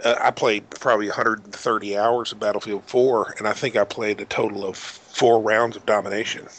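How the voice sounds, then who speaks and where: A man with a bright, forceful voice chats on a gaming podcast. He is blunt and opinionated and cracks crude jokes. A faint noise sits behind him. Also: lowish voice, little pitch movement, fairly quick, poor audio. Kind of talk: casual gaming podcast chat.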